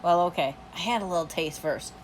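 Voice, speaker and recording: A woman's voice: on the low side, fairly quick, a little hiss or hum. Woman reading a dog's tale aloud. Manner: chatty, expressive first-person narration as a dog. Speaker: reader. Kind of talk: reading a children's novel aloud.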